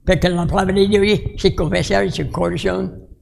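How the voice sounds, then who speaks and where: Older man, pastor preaching, high voice, heavy gravelly fry, halting broken phrasing. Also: steady tone, slight background noise. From United States. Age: 60s. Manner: halting, broken Spanish with restarts. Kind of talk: storytelling sermon.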